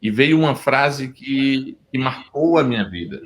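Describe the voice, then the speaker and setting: A man's voice: medium pitch, animated, measured pace, low-quality recording. A middle-aged Brazilian man with a Pernambuco accent, a pastor telling his story earnestly in an interview, often restarting his sentences. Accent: Pernambuco Brazilian Portuguese. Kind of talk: testimony interview.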